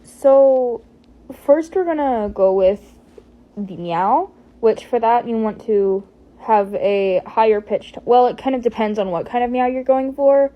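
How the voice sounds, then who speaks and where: A woman's voice: a little high, measured pace, highs cut off. A woman starting a casual spoken tutorial in an offhand, matter-of-fact way. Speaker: tutorial maker.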